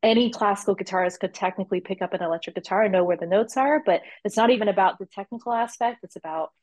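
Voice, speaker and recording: A woman's voice: medium pitch, quick pace, dry recording. Young woman cellist chatting in an interview, lots of ums and likes, laughs a lot, dry sound. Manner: rambling, animated, laughs often, many fillers. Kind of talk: casual interview conversation.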